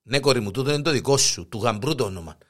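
A man voicing a calm village priest with a soothing Cypriot Greek accent. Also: mid-range voice, pitched below the performer's own voice.

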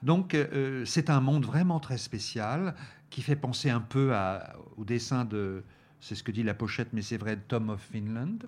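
A film reviewer with a mid-range, slightly mellow voice takes his time presenting a DVD selection on a talk show. The chat is radio-style and full of hesitations, fillers, and restarts.

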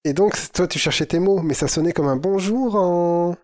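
A man's voice: a little high, fast, no room sound, clean studio sound. A man co-hosting a podcast in casual chat, joking with puns and teasing his co-host. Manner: playful, punning, teasing.

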